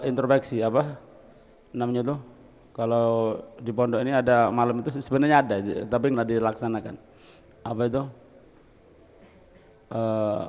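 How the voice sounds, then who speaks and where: A man's voice: medium pitch, long reverb tail, highs cut off. A man gives a folksy, conversational sermon in a religious study circle, asking the audience questions and slipping in Arabic phrases. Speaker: religious teacher. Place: hall of a boarding school.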